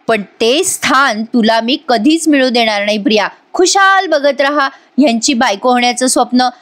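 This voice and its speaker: A woman voicing a confident young wife who answers a rival with calm, teasing sweetness, in a dramatized recap of a TV serial. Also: high voice. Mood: resolute.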